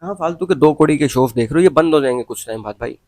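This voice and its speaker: A man's voice: fairly high pitch, very fast, darkish tone, dry recording. A young man ranting casually to camera, blunt and preachy, mixing in English phrases and slang. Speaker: vlogger. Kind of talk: casual opinion rant.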